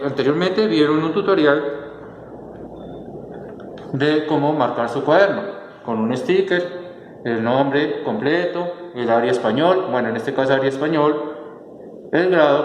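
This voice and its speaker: A male teacher walks students through a lesson, pausing on fillers and restarting phrases as he explains. His voice rings in a roomy space with a long reverb tail. A faint hiss of background noise sits under it. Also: on the high side. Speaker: Spanish teacher. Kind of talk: recorded class tutorial.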